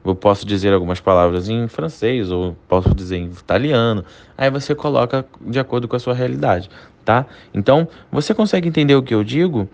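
A Brazilian man teaching English in a recorded lesson, saying English phrases slowly and repeating them, then explaining quickly in Portuguese. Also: mid-range voice, expressive, a little hiss or hum. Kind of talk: recorded online language lesson.

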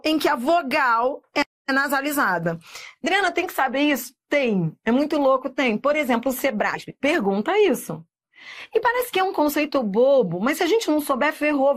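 A woman teaching Portuguese grammar in a video lesson, lively and emphatic, drawing out example words and checking in with the viewer. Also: a little high. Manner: asks rhetorical checks to the viewer.

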